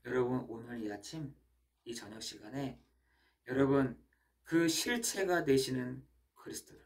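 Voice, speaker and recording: A pastor preaching at a midweek church service, emphatic and animated, often turning to address the congregation directly. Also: medium pitch, measured pace.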